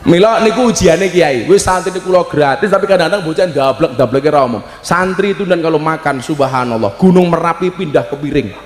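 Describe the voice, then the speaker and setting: A high-voiced man with a Javanese accent delivers a joking sermon to a live gathering and keeps breaking into loud, emphatic shouts. His voice rings through a big hall with a long, echoing tail. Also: lively intonation, brisk, hardly any pauses. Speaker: preacher. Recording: echoey hall with long reverb.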